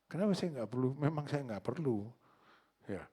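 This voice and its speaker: A male pastor preaching a sermon, asking the congregation questions and acting out little dialogues. His delivery swings between loud exclamations and hushed prayer. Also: mid-range voice, expressive, fairly quick, slightly rough.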